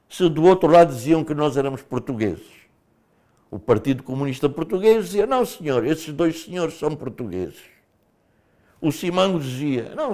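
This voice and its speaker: An older Mozambican man who was once a liberation fighter relates his experiences in a studio interview. His voice sits on the high side, and his delivery is animated with plenty of casual fillers.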